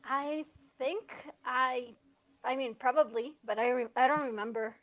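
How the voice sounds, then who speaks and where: A woman's voice: sits high, measured pace, fairly bright tone, rough recording. A woman in her late twenties, a guest filmmaker, chatting casually in a podcast interview, laughing often and restarting her sentences. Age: 20s.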